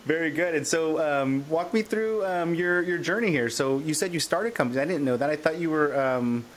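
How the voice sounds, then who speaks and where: A man's voice: a little high, normal speed, a little hiss or hum. A man hosting a parenting podcast, chatting eagerly with his guest in a casual interview. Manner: enthusiastic, chatty with fillers. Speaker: podcast host.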